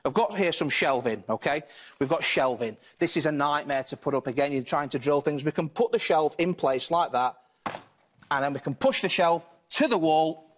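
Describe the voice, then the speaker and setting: British guy demoing stuff like a home shopping host, slightly high voice, talks you through each step. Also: normal speed. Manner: instructive, reassuring, repeats set phrases. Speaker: product demonstrator on a shopping channel. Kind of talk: live home shopping demonstration, step-by-step sales talk. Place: television studio, indoors, moving about while demonstrating.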